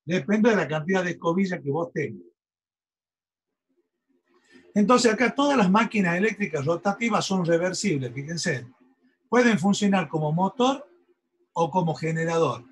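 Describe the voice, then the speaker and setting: A male university lecturer teaches an engineering class. His voice sits high for a man and has a husky edge. He explains step by step and often pauses to check that the students are following. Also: lively intonation, poor audio. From Argentina.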